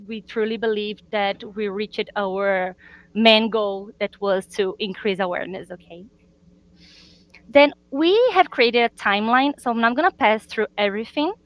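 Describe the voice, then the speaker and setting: A woman from a marketing team presenting results on a video call, earnest and halting, with frequent fillers. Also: mid-range voice, smooth, no echo. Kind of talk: business presentation.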